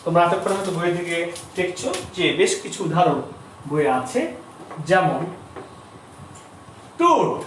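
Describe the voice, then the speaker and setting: A middle-aged man teaching a grammar lesson to school students, explaining slowly, repeating terms and asking the class questions. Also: sits high, expressive. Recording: distant, echoey room with faint noise.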